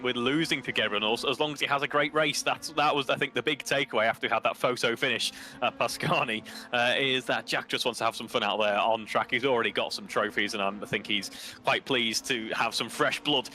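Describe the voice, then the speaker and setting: Male motorsport commentator, bright forceful voice, chatty flowing play-by-play of a live race. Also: medium pitch, a little fast.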